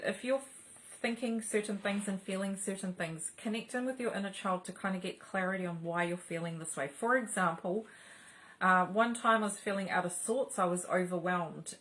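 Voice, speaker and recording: A woman's voice: medium pitch, a bit bright, low-quality recording. A middle-aged woman hosting a spiritual channel, talking casually and rambling with many fillers and restarts.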